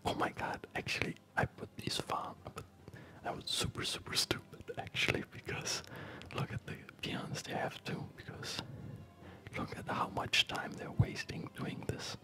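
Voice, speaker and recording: A gaming video host whispers ASMR commentary over the game he's playing, hushed, unhurried, and rambling.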